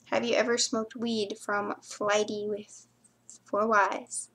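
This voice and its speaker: A woman's voice: mid-range voice, flat delivery, slow, slight background noise. A young woman chatting casually to camera, answering viewer questions and rambling into mumbled asides.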